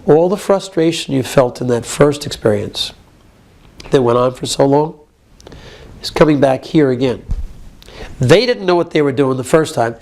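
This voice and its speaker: A man's voice: medium pitch, animated, moderate pace, long pauses, darkish tone. A man leading a support group, guiding members directively and checking often that they follow. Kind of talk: therapeutic coaching.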